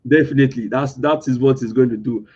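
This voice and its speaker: A man hosting a casual football chat in a tinny voice with no bass, hesitant and full of fillers and restarts. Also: fast talker, darkish tone, breathy edge. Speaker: podcast host. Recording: thin lo-fi audio lacking bass.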